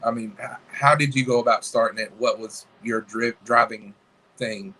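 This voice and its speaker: A man's voice: mid-range voice, fairly even intonation, normal speed, pushed and bright. Man, co-host, casual interview questions, friendly and loose, plain mid voice.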